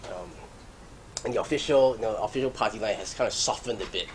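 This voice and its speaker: A man with a Singaporean accent giving an academic lecture in a halting way, restarting phrases and often checking in with the audience. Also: on the low side, slight background noise, low-quality recording. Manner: halting, with repeated starts and frequent check-in "right?".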